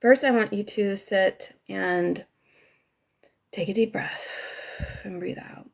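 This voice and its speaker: A woman with a gravelly voice full of vocal fry leads listeners through a guided emotional exercise on a live stream. Her directions are slow and instructive, and she often drops into soft, breathy asides. Her pitch sits mid-range. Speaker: healing coach.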